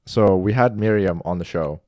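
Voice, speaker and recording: A man's voice: sits low, moderate pace, darkish tone, no room sound, muffled recording. A young man co-hosting a podcast, chatting casually and laughing through his own stories. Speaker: podcast co-host. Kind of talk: casual chat.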